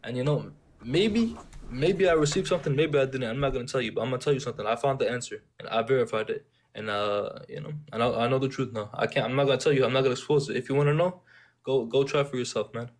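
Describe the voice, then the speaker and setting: A young man, Syrian-born and Detroit-area raised, speaks quickly at a medium pitch as a caller to a casual debate. A slight Arabic accent colors his rambling, insistently repetitive talk.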